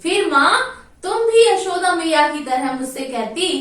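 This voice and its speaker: A woman teacher with a high, lively voice reads a poem line by line and explains each part simply for children. Her voice sounds far from the mic, with a strong echo in the room around her. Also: unhurried. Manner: recites poem lines then explains them simply to children. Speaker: school Hindi teacher. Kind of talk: online class, reading and explaining a poem.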